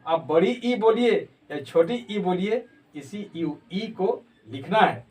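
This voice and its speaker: Slow high-voiced man teaching script. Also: expressive, a little mellow. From Jharkhand, India. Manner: slow, repeats sounds to demonstrate them. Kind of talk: explanatory lesson. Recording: voice from a distance.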